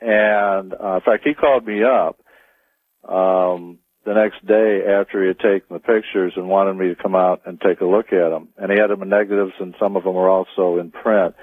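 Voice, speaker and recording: Halting, low-voiced man on a phone line. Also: fairly even intonation, no room sound. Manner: halting, deliberate, circles back on words. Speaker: interview guest, Bigfoot tracker. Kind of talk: live radio interview answers. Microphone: telephone. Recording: dry, narrow phone-line sound.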